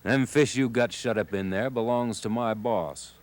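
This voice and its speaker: A man voicing a surly, cross old male sea serpent with a gruff manner. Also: mid-range voice, moderate pace, close to an everyday voice.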